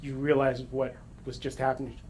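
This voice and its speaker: Man telling a lively story. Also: mid-range voice, normal speed, a little hiss or hum. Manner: animated, excited retelling with self-corrections and laughs. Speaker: coach and speaker. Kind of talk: storytelling talk to an audience.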